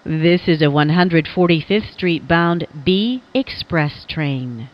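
A woman's voice: deep voice, slow pace. A woman reading scripted train announcements, with words and phrases spliced together in a choppy way. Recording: muffled recording with faint background noise.

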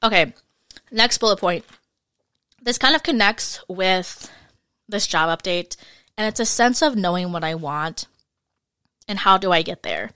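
A woman's voice: mid-range voice, expressive, a little slow, pauses often, bright, forceful tone, smooth, dry recording. A woman in her mid-twenties hosting a casual solo podcast, talking frankly and chattily with lots of fillers. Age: 20s. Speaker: podcast host.

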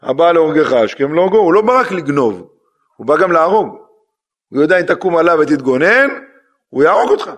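A man, a rabbi, giving a sermon that tells a story through acted-out dialogue and questions to the listeners. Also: on the high side. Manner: acts out dialogue in a story, lively questions to the audience.

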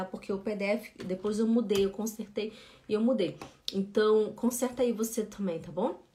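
A woman teaching German in a casual live stream, chatty, greeting viewers by name and drilling sounds slowly. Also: medium pitch. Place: home room with lights.

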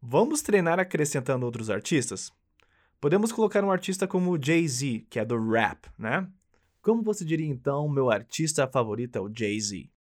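In a friendly English lesson, a man with a Brazilian accent coaches the listener through repeated phrases. His medium-pitched voice is expressive and upbeat, moving at normal speed.

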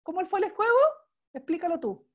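A woman's voice: extremely high pitch, lively intonation, brisk. A woman coaching trainer teaching live and informally, effusive and emphatic, often checking in with short questions. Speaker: coaching trainer leading an online class.

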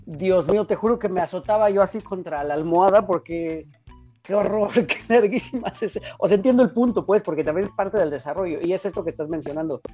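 A woman co-hosting a film chat, giving frank opinions in an expressive way. Her voice is lowish and mellow. Faint music plays underneath. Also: quick pace, hardly any pauses. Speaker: film podcast co-host. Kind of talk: casual film review chat.

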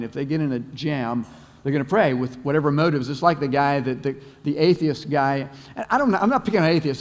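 A male pastor preaching a sermon in a conversational way, often repeating words as he tells stories, in a church auditorium. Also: on the high side. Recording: long hall reverb.

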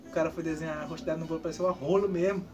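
A man's voice: on the high side, fairly even intonation, rapid-fire, lo-fi sound. A young man, joking casually with friends and sometimes half-singing his lines. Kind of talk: casual chat among friends.

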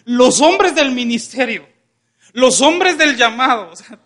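A man's voice: extremely high pitch, slow pace. A young man with a Mexican Spanish accent preaching a sermon as pastor, joking and calling on the congregation to answer him. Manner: lively, joking preacher who calls for congregation responses.

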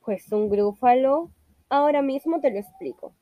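A woman voicing a small, clever, boastful mouse who speaks slowly with a sly, playful manner. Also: high-pitched, animated, warm tone, no room sound.

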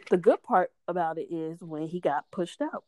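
This woman speaks at a moderate pace in a fairly low pitch, with no echo on the audio. Telling stories in casual conversation, she's animated, swears freely, breaks into laughter, and performs other people's quotes.

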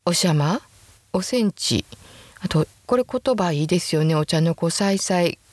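A woman in her sixties with a Kansai accent hosting a casual solo talk show from her home closet, chatty and quick to laugh at herself. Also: on the low side, expressive, a little mellow, dry recording. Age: 60s. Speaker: podcast host.

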